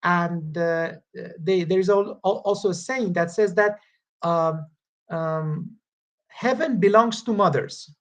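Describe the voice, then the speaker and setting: In an online Quran study session, a man who speaks Farsi reads verses aloud and offers commentary. He pauses and restarts often, and his voice sits high.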